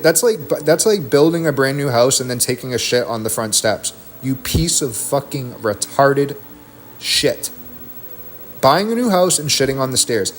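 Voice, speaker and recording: Guy streaming at home going off on a swear-heavy rant, middle pitch, bit of background hum. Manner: heated, profane, rambling rant. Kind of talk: ranting stream talk.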